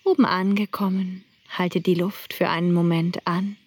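A woman guiding a breathing meditation in a soft whisper. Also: fairly low pitch, breathy edge, dry recording. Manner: soft whispering, slow and calm. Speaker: meditation guide.

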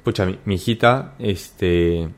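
A male podcast host with a somewhat low voice chats in a relaxed, slangy way. He keeps checking in with his listener as he talks. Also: takes it slowly. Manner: loose, slangy, keeps asking "¿me entiendes?". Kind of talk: casual conversation.

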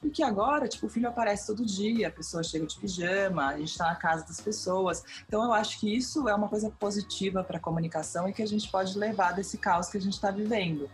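A woman's voice: medium pitch, fast, hardly any pauses. A Brazilian woman, a TV presenter, telling stories animatedly in a casual interview and acting out the dialogue, with faint music underneath. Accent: Brazilian Portuguese. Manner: animated storyteller, acts out quoted dialogue.

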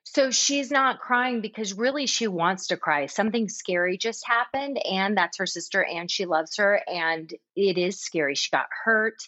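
A woman coaching a parent, explaining gently and often restarting her sentences. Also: mid-range voice, moderate pace, hardly any pauses, dry recording, dull audio. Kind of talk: advice on a podcast call.

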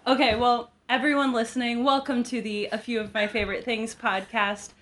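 A woman's voice: fairly high pitch, level tone, a little fast, fairly bright tone, a little hiss or hum. A woman in her twenties hosting a podcast at home, chatting casually with a friend, joking and teasing with lots of fillers. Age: 20s. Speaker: podcast host. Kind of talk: casual chat.

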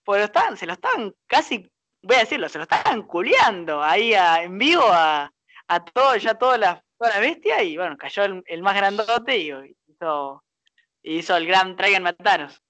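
A man with a Rioplatense accent hosting a casual podcast chat, excitable and steering the talk. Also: high-pitched, normal speed, no room sound. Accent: Rioplatense Spanish. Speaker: podcast host.

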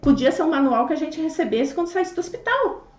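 A woman sharing her story as an interview guest, expressive, acting out dialogue and swinging between loud and hushed. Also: high voice, fairly quick. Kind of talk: animated personal testimony. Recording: roomy, distant, dull audio.

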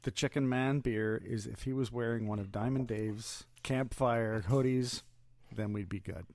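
A man's voice: mid-range voice, a little slow, creaky, a little mellow. A man hosting a casual podcast, joking sarcastically and crudely. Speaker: podcast host. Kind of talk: casual podcast chat and comic rant.

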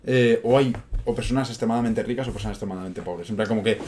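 A man's voice: fairly low pitch, quick pace, a little mellow, slight background noise. A young man, co-hosting a casual chat in a chatty, slangy way. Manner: chatty, peppers lines with "tío" and "en plan". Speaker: podcast co-host.

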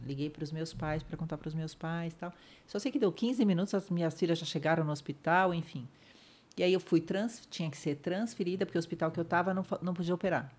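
A middle-aged woman with a Brazilian Portuguese accent, a podcast guest vividly retelling a personal ordeal, acting out what others said and dropping to a hush at the painful moments. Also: low-pitched. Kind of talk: emotional personal storytelling.

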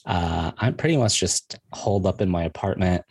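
Man with a low husky soft-spoken voice. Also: no room sound. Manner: soft-spoken, halting, self-deprecating, many fillers. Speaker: podcast guest, writer. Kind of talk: casual group discussion.

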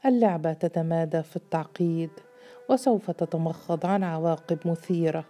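A woman's voice: low-pitched, normal speed, mellow, faint music behind, natural voice. A woman voicing a gleeful male jinni in a storybook, amused and toying with human fates.

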